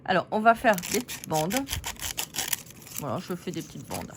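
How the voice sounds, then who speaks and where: A woman's voice: lowish voice, sing-song, normal speed, noisy background. A woman hosting a casual scrapbooking tutorial, chatty and giggly, poking fun at herself as she works. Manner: chatty, giggly, self-mocking.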